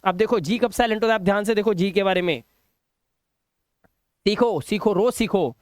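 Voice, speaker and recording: A man's voice: high-pitched, normal speed, no echo. A man with an Indian accent teaching English pronunciation rules, emphatic and repeating each word. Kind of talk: spoken English lesson.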